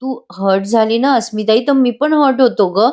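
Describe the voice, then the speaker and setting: A woman's voice: a little high, normal speed, a little mellow, lightly acted. A woman reading out a young man's lines as he comforts and teases his sister, affectionate and reassuring. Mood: tender.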